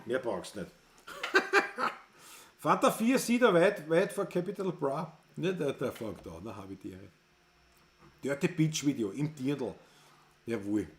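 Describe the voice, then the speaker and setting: Speaking unhurriedly in a sing-song, medium-pitched voice with frequent pauses, a Viennese-accented man runs a music livestream. He chats in a meandering, opinionated manner, doubling back on his own words and reading out viewers' comments, all with a roomy sound.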